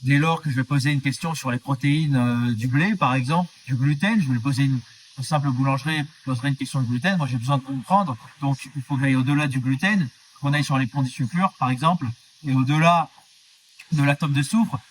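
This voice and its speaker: A man's voice: mid-range voice, fairly quick, slight background noise. A man from the Drôme answers interview questions about his work as a baker in an earnest, explanatory way. His voice sits in a middle range. He sounds somewhat distant from the microphone. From France, Drôme. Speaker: baker, guest.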